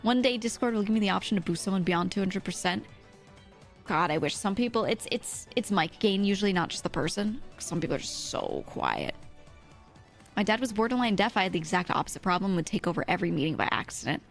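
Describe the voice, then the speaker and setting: A fast-talking woman with a mid-range, sing-song, thin voice hosts a livestream from the US East Coast, close on her streaming mic. She's animated, rambling and giggly in casual chat, reading out viewers' comments and answering them over background music.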